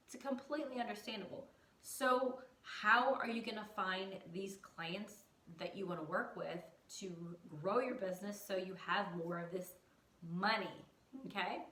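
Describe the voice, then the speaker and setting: A woman's voice: medium pitch, pushed and bright, recorded from a distance. Chatty woman in a roomy space. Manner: chatty, emphatic, self-deprecating humor. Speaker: design educator. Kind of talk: casual teaching monologue. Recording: roomy echo, voice off-mic.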